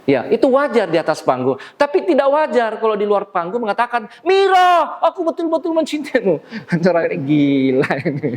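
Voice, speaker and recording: A man teaching theater appreciation in a lecture room, lively and quick to laugh. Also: high-pitched. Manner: lively, acts out stage lines, laughs often. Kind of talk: classroom lecture. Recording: long hall reverb.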